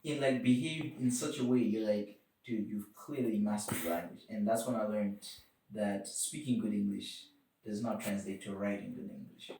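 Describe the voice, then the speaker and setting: A man's voice: on the low side, steady tone, normal speed, dark tone, a little hiss or hum. A young man co-hosting a podcast, chatting casually in laid-back slang. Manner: slangy, laid-back, drops into quoted voices. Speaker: podcast co-host. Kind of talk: casual chat. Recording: echoey room.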